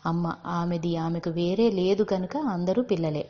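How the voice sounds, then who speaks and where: A woman voicing a calm, reasoning older man, speaking in a placating way in a storybook reading. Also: on the low side, normal speed, lightly acted. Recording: dull lo-fi with long reverb.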